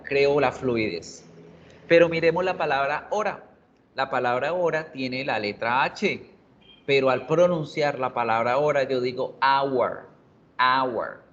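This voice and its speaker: A man's voice: fairly high pitch, lo-fi sound, a little hiss or hum. A male English teacher explaining in a video lesson, patiently repeating words to drill pronunciation.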